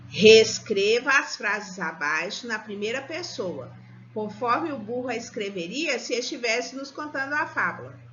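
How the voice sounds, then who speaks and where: A woman, a primary school teacher giving a recorded remote lesson and explaining things slowly and patiently to children. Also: on the high side, lively intonation, fairly bright tone. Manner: slow, patient, speaks to children as "tia". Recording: dull lo-fi home recording.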